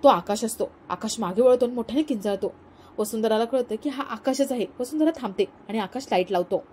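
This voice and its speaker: A woman narrates a serial episode in a steady, plain retelling style. Her voice is fairly high and mellow, with a little faint noise behind it. She keeps an even storytelling pace. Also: fairly quick.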